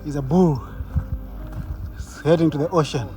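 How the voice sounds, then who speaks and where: A man's voice: a little high, moderate pace, mellow, faint music behind. A man with a South African accent talking casually as the host of a travel vlog.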